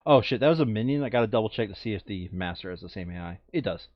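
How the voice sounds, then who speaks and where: A board game player with a voice on the low side speaks fast and animatedly, muttering counts and thinking out loud as he works through moves in casual chat. The recording is dry, with the highs cut off.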